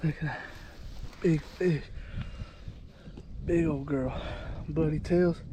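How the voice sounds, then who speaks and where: A man vlogging a fishing trip outdoors, talking excitedly to his viewers on an action camera. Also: fairly high pitch, takes it slowly. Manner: excited, talks to viewers as "you guys". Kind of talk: casual outdoor vlog narration. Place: outdoors by a lake on a windy day. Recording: outdoor camera mic with wind noise.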